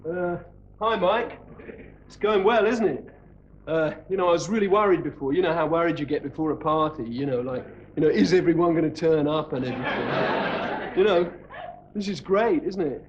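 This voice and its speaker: A man's voice: fairly high pitch, normal speed, lo-fi sound, a little hiss or hum. An actor playing a gloomy, self-pitying young male hippie student, droning and apologetic, heard from a worn VHS tape copy of a TV sitcom. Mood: mopey. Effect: worn VHS tape copy of a TV broadcast. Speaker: sitcom character. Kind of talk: 1980s TV sitcom acting.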